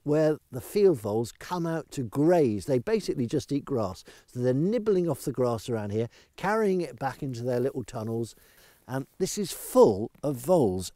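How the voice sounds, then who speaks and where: A middle-aged man from the UK explaining wildlife habitat outdoors in a clear, enthusiastic instructional manner, on a lapel mic. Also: on the high side, warm tone, no echo. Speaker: conservation educator. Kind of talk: instructional nature film. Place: outdoors in grass fields.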